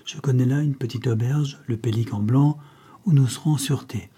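Shifty thin trader, man reading the part, gruff, hurried, dark husky voice. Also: mid-range voice, natural voice. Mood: scheming. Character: tall thin shifty male fairground trader.

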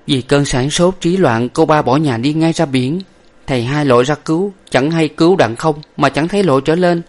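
A man doing a soft, grieving young woman. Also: a little high, fast talker, pitched above the performer's own voice, lightly acted. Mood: worried. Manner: soft, raised voice, quiet and earnest.

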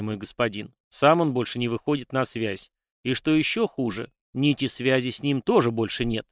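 A cowed steward, played by a man, reporting in a measured, formal tone, careful and respectful toward his master. The sound is close and dry, as in a storybook reading, with a mid-range male voice. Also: mid-range voice, no room sound, natural voice. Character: timid servile male steward.

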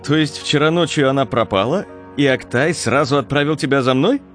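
A man's voice: mid-range voice, a little fast, fairly bright tone, faint music behind, pitched above the performer's own voice, close to an everyday voice. Man reading wary sardonic young man, dry skeptical delivery, storybook.

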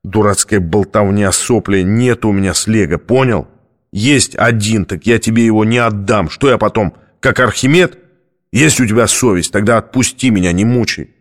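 A man's voice: lowish voice, normal speed, natural voice. A man reading an audiobook, voicing a desperate, irritable man who pleads and snaps. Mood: furious. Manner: snapping, pleading, muttering.

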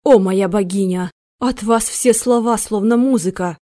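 A woman's voice: mid-range voice, unhurried, mellow, no room sound, clean studio sound, natural voice. A woman voicing an obsessed, frantic thin man in his thirties, pleading in a rapturous way.

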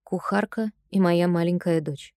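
A woman voicing a kind, dignified noblewoman and mother in an audiobook, speaking in a soft, warm, even voice. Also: on the low side, measured pace, no echo, studio quality. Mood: calm. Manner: even, calm delivery. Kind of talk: audiobook character voice.

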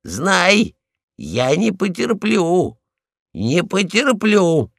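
A man voicing a pompous, bossy male guard dog in a storybook reading, loud and commanding. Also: sits high, very animated, very slow, vocal fry, no echo, studio quality, voice pushed up, heavily acted.

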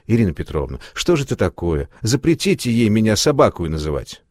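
A man's voice: sing-song, fairly quick, darkish tone, no room sound, studio quality. A man voicing an irritable, spiteful seamstress woman who snaps and complains resentfully. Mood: agitated. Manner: shrill, resentful.

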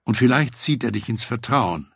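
A man voicing an eager, talkative male FBI agent who pitches his plan persuasively, in a husky voice. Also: animated, normal speed, no room sound, studio quality.

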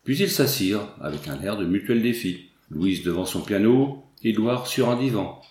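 Un homme lit à voix posée la narration d'un roman en livre audio. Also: male voice, lowish voice, lively intonation, moderate pace, a little mellow. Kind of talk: scripted narration. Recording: roomy echo.

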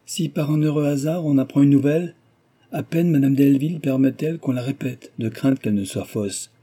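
Male reader playing a gossipy, frivolous young aristocratic lady in an audiobook; lifted pitch, dark and husky. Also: a little fast, natural voice. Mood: flippant chatter. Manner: gossipy, flippant, teasing. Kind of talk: audiobook character reading.

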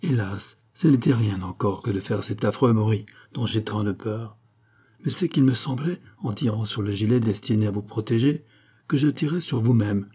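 A man's voice: on the low side, normal speed, warm tone, breathy edge. A man reading aloud, voicing a queen who pleads anxiously with her husband. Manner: pleading, rising to cries. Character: anxious impassioned queen, woman.

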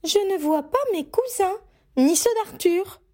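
A woman voicing a fussy middle-aged mother witch who protests in a high, insistent voice. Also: animated, measured pace, mellow. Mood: protesting.

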